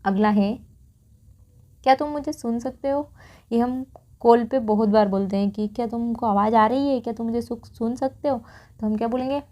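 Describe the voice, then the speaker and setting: A young Indian woman teaching spoken English, who reads each English sentence slowly twice and then explains it. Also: fairly high pitch, dark tone. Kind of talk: spoken English lesson in Hindi.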